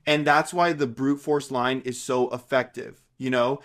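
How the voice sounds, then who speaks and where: A man's voice: medium pitch, fairly even intonation, a little slow, fairly bright tone. A man giving conversational political commentary in an indignant, sardonic way, leaning on rhetorical questions.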